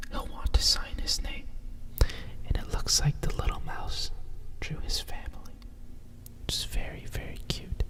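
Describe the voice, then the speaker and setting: Asmr bedtime story, all whispered right in your ear, real slow n soothing, soft breathy voice. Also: recorded from a distance, poor audio. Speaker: storyteller reading a picture book aloud with asides.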